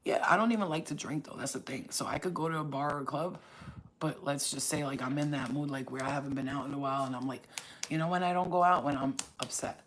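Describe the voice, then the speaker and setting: A spiritual reader from Staten Island, New York, talks casually to the camera on her own channel, blunt, profane and preachy. Her voice is low and fast, with a little hiss or hum.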